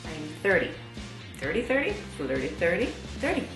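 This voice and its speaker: Chatty thirty-year-old woman, low voice. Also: very animated, normal speed, a bit bright, reverberant, soft background music. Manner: chatty, laughs often, lots of fillers. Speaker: vlogger. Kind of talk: casual chat to camera.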